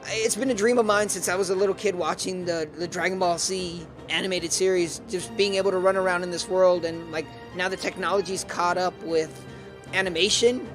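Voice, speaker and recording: A man hosting a live game stream comments on the gameplay, often hesitating with fillers and restarting his sentences. His voice sits high and steady, he talks briskly, and music plays clearly in the background.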